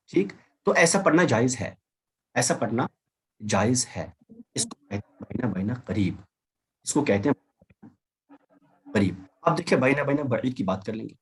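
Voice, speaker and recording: A man's voice: mid-range voice, very animated, pauses often, husky. A man teaching an online language class over a video call, patiently repeating and drilling examples. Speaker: Arabic teacher.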